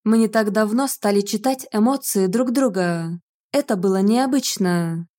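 A woman narrating a first-person fantasy audiobook with lively storytelling. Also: medium pitch, normal speed.

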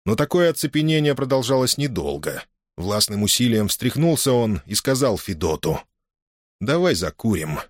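A man narrating a novel as an audiobook in a steady, expressive reading. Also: medium pitch, moderate pace, no echo, clean studio sound.

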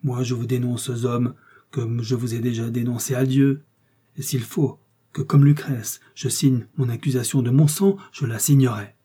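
A man's voice: mid-range voice, little pitch movement, normal speed, dark tone, slightly rough, natural voice. A man reading an audiobook, voicing a defiant, vengeful young noblewoman in an impassioned, dramatic way.

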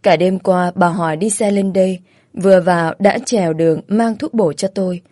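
A woman reading a first-person romance story aloud in a steady, plain storytelling manner. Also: on the low side, moderate pace, dry recording, studio quality. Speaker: story narrator.

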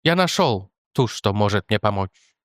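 A man's voice: mid-range voice, animated, moderate pace, fairly bright tone, clear, resonant tone, no room sound, studio quality, lightly acted. A man voicing a timid male court jester who pleads in a flowery, tearful way.

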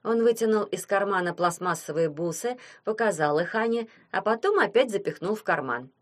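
A woman narrating a children's storybook in an expressive way. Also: medium pitch, moderate pace. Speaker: reader.

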